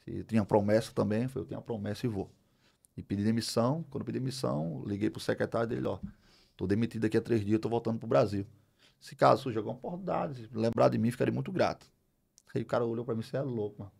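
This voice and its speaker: A middle-aged Brazilian man telling a personal story as a podcast guest, animated, acting out the dialogue as he goes. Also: medium pitch, very fast, gravelly, slightly rough. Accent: Brazilian Portuguese. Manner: animated, acts out dialogue, many fillers. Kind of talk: storytelling in a casual interview.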